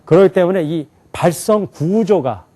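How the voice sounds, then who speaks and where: A man's voice: high voice, animated, moderate pace, mellow. A man teaching a lecture to a live class. He keeps asking the students questions and then answers them himself. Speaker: English teacher.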